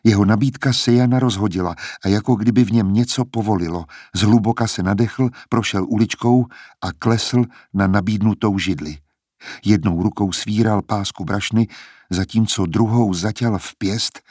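Husky, low-voiced male narrator. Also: a little mellow, dry recording, studio quality. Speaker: audiobook narrator. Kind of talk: scripted narration.

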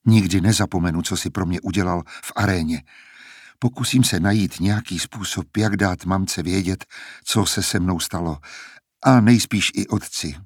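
A man's voice: low-pitched, husky, no room sound, clean studio sound. A man voicing an earnest, determined young man who talks in an urgent, persuasive way, in a storybook reading. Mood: heartfelt.

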